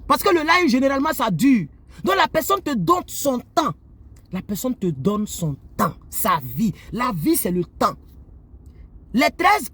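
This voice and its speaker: Animated man lecturing viewers. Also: very high-pitched, husky. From Côte d'Ivoire. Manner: animated, preachy, addresses viewers directly. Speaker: YouTuber. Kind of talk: moralizing monologue to camera. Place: indoors, seated in an armchair.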